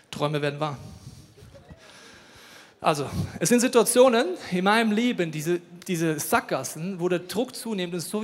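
A man preaching a lively sermon at a church service, telling stories and acting out the voices of the people in them. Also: high-pitched. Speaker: pastor. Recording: long hall reverb.

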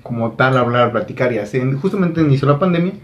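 Mexicano de habla rápida y relajada. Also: male voice, mid-range voice, expressive, fast, highs cut off. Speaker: podcast co-host, carpenter. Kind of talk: casual chat.

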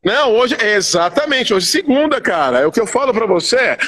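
A man who manages a real estate sales team, giving an energetic, emphatic coaching talk as he walks through the office. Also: extremely high pitch, a little fast. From Salvador, Bahia, Brazil. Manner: emphatic, rallying. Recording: long reverb.

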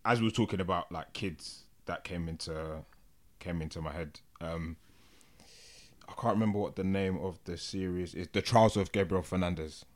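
A man's voice: low-pitched, moderate pace, dry recording. A man with a London accent chatting casually as a podcast host. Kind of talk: casual chat.

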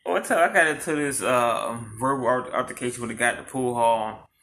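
A man's voice: medium pitch, brisk, a little hiss or hum. A man in his thirties co-hosting a casual podcast, telling stories with lots of laughter and swearing. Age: 30s. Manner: animated storytelling, laughs often, swears freely. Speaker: podcast co-host. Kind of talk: casual couple chat.

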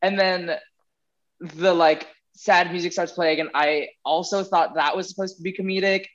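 A man co-hosting a casual film podcast, talking excitedly with lots of "like" and laughter. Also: sits high, moderate pace, highs cut off, slight background noise. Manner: excited, laughing, heavy use of "like". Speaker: podcast co-host.

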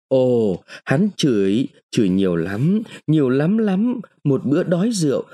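A man reading a literary short story aloud in the first person, with an expressive, dramatic delivery. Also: mid-range voice, breathy edge. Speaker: narrator.

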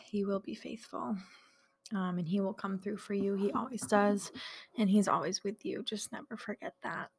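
A woman's voice: mid-range voice, fairly even intonation, moderate pace, slightly rough. Earnest young woman sharing faith. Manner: earnest, chatty, many fillers. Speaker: faith vlogger. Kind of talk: casual devotional talk.

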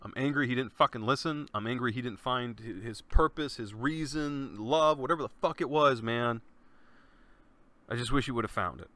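Recorded dry, a man hosts his own podcast in a mid-range voice that sounds pushed and bright, at a moderate pace. His monologue is loose, laid-back and sincere, sprinkled with "man" and swearing.

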